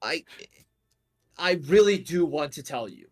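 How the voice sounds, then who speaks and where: A man's voice: fairly high pitch, expressive, measured pace, darkish tone. A man playing a seven-year-old imp who is meek, eager to please and evasive, stammering when pressed. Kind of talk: in-character tabletop role-play.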